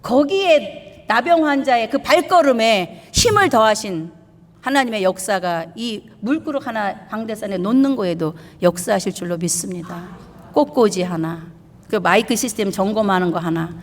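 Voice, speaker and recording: A woman pastor preaching an emphatic sermon, putting rhetorical questions to her congregation. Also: mid-range voice. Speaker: pastor and missionary. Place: church sanctuary. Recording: long reverb of a church hall.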